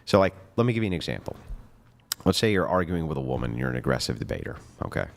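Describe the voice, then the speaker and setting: A man's voice: rumbling low, sing-song, fast talker, vocal fry. A man arguing in a heated debate, lecturing emphatically and swearing. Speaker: debate guest.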